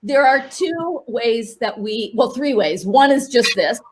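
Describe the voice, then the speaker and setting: A woman laughter coach leading an online workshop, upbeat and coaxing, with sudden high cheers. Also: expressive, measured pace, background noise.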